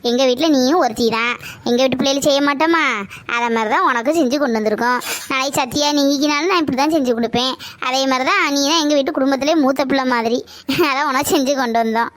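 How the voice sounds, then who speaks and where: A woman's voice: high voice, fast talker, natural voice. A woman voicing a kind, caring neighbor who treats a young pregnant woman like family. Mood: coaxing. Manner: warm, coaxing, motherly reassurance.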